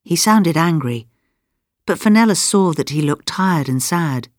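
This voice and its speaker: A woman narrating a storybook in a measured, plain storytelling manner. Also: low voice, lively intonation, no room sound, clean studio sound.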